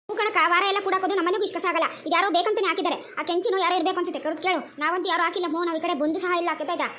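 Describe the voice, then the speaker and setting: A woman's voice: extremely high pitch, sharp tone, a little hiss or hum. A woman voicing defensive village neighbour women in a cartoon comedy, arguing back.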